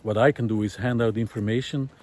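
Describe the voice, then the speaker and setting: His voice is lowish and darkish, steady in tone and quick in pace, as he earnestly and hesitantly reflects aloud on a forest walk. An environmental researcher and former visual artist who vlogs, he speaks off the cuff against ambient forest sound.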